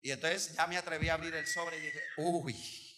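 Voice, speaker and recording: An older man, a pastor, preaching a sermon and telling a story with animated, acted-out dialogue. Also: on the high side, fast, noisy background. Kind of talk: sermon with anecdote.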